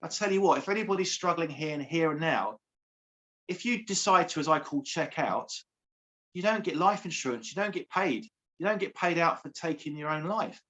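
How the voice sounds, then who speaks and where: A man's voice: on the high side, animated, moderate pace, fairly bright tone. A man, a coach speaking earnestly as an interview guest, repeating phrases for emphasis. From England. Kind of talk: heartfelt interview.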